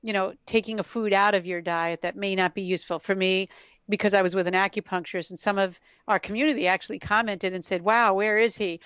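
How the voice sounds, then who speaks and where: A woman's voice: medium pitch, steady tone, fast, fairly bright tone, smooth, no room sound. A middle-aged woman talking as a podcast guest, reflective and explanatory, laughing easily. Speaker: yoga scientist guest. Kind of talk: conversational podcast interview. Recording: dull lo-fi dry sound.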